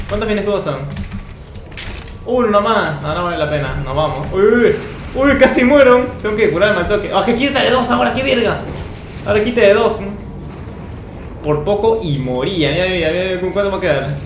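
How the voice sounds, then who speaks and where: A man, talking to himself over his own gameplay. He is excitable and curses often, with a fairly high voice. The sound is roomy and echoey, with loud noise behind him. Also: brisk, pauses often. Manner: excitable, swearing, talks to himself. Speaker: gameplay streamer. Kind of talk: live gameplay commentary.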